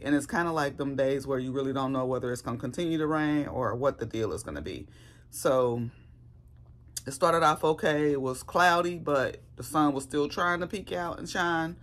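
Hoarse, chatty woman vlogger. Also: rumbling low, slight background noise. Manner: chatty and rambling. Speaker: YouTuber. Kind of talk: casual haul vlog.

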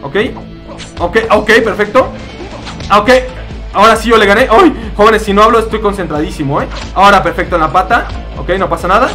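A young man with a Mexican accent giving excitable, jokey commentary while he plays a fighting game. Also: high-pitched, fairly quick, soft background music. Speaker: gaming YouTuber. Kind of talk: gameplay commentary.

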